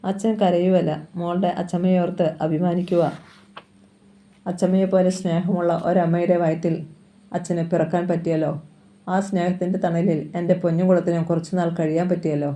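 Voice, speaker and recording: A gentle, grieving father and doctor, voiced by a storyteller reading the tale aloud explains things to his small daughter softly and patiently. His voice is mellow and dark, and it moves in an even, level line. This is a storybook reading in Malayalam. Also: medium pitch, moderate pace, close to an everyday voice. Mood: tender, consoling. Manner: soft, consoling explanations to his child.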